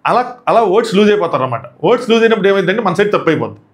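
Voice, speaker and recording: Fast, slightly high male show reviewer. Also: big pitch swings. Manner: rapid retelling that acts out quoted arguments. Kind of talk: live show review commentary.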